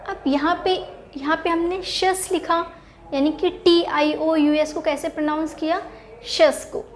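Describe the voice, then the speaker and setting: High-voiced woman teaching spelling. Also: steady tone, a little slow. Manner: explains step by step, poses questions then answers them; mixes English words into Hindi teaching. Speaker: English teacher. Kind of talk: spelling and pronunciation lesson.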